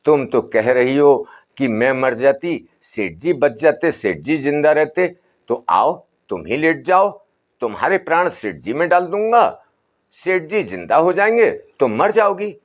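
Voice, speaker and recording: A man's voice: a little high, very animated, a little slow, voice pushed up. A man voicing a stern, wily old holy man who keeps repeating his commands. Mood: insistent.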